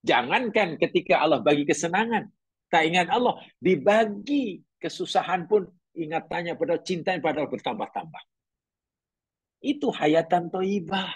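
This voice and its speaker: A man's voice: on the high side, very animated, moderate pace, slightly rough, no room sound. A middle-aged man teaching a religious class, talking conversationally, asking his listeners questions and telling stories. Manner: conversational, questioning the audience, storytelling.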